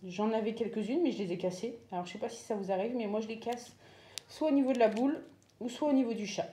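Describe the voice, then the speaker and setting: A woman chatting casually as she shows off her craft purchases, pausing often with fillers. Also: a little high, warm tone, reverberant, slight background noise. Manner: chatty, hesitant with many fillers. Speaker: craft vlogger. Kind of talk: casual show-and-tell.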